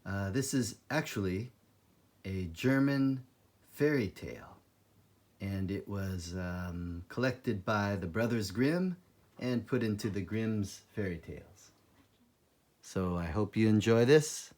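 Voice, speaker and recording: A man reading a children's fairy tale aloud in an expressive storytelling manner. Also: lowish voice, slow. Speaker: storybook reader.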